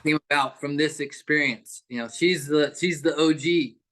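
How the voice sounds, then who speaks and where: Speaking at a moderate pace in a fairly high, slightly bright voice, a man on a video call tells a childhood story in a loose, rambling way. He's a group participant, and his telling is full of fillers and false starts.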